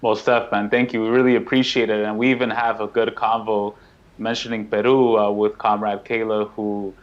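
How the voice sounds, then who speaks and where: A man of about thirty from New York speaks as an interview guest, earnest and quick in his explanations. His voice sits low and stays level, with little rise and fall. The sound comes through a slightly muffled remote call. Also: little pitch movement. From New York, United States. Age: around 30. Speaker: guest, co-founder of a media collective. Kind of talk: casual interview talk.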